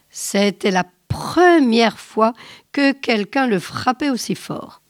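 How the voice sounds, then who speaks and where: A woman radio host reading a short story aloud in a slow, measured way. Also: fairly high pitch, no room sound, studio quality.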